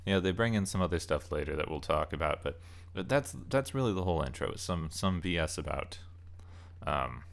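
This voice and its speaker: This game reviewer and video essayist talks in a rumbling, low, gravelly voice that is animated and brisk. His commentary is casual and loosely scripted, opinionated, somewhat rambling, and punctuated by stressed key words.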